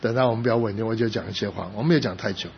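A man's voice: lowish voice, very fast, gravelly. Emotional man preaching a sermon. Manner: emotional storytelling, rising to loud emphasis then dropping soft. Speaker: pastor. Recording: slightly dull recording with faint background noise.

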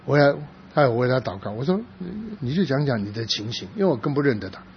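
A man preaching in a sermon, telling a story from his church work in a halting, soft-spoken way, with frequent restarts. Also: mid-range voice, sing-song. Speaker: pastor. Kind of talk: sermon testimony. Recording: dull lo-fi with faint noise.

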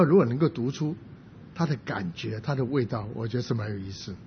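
A man preaching a sermon, his voice sitting at an ordinary middle pitch. He works through his points with rhetorical questions and now and then slips in an English word. The recording sounds muffled and lo-fi, with a faint low rumble underneath. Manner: explains by asking rhetorical questions; drops in English words.

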